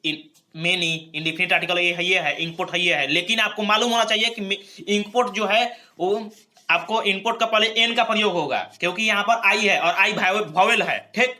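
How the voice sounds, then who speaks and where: In a recorded lesson video, an English grammar teacher leads an exam-prep session in a high, very bright, piercing voice. He drills every rule and checks in with his students after nearly each point, explaining and repeating at a normal speed in a steady tone.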